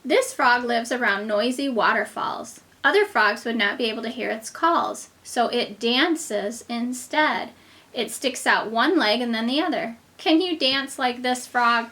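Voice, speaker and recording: Reading to very young kids as their kindergarten teacher, this woman sounds a little high, animated and sharp, keeping a measured pace. Simple explanations, questions and side remarks fill the reading, pitched at a toddler's level.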